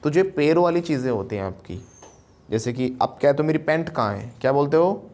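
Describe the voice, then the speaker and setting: A man's voice: on the high side, animated, a little fast, mellow. A man teaching an English class, keeps asking the class questions and mixes Hindi with English. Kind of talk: classroom lesson.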